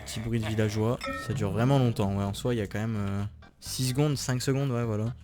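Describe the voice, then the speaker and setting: A young man giving chatty, excitable commentary while playing a video game and talking to his viewers. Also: fairly low pitch, a little fast. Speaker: gaming YouTuber. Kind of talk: casual Minecraft let's play commentary. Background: background music.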